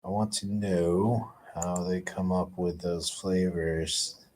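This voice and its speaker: Man, casual live chat host, low voice, slow unhurried delivery, rambling with groans and fillers. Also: steady tone, a little mellow.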